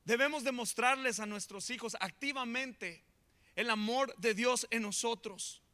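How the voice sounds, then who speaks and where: High bright-voiced male pastor. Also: a little slow. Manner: animated preaching, swings between loud and soft. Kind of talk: sermon.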